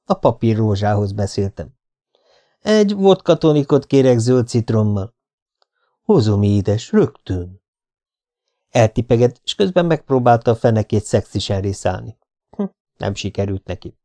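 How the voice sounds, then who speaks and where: A man's voice: lowish voice, dark tone. A man reading a first-person hard-boiled novel aloud, in a dry, laconic manner. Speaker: audiobook reader. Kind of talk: first-person audiobook narration.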